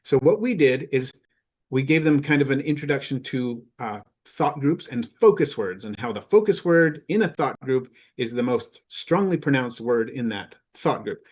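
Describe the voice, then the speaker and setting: A man giving a conference presentation to teachers, explaining in a measured way with frequent filler pauses. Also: medium pitch, lively intonation, darkish tone.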